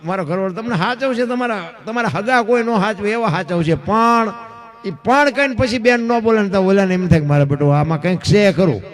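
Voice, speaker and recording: A man voicing a clever, sharp-tongued village wife in a folk tale, speaking with a Kathiawadi Gujarati accent in a tart, scolding way. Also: sits high, brisk, natural voice.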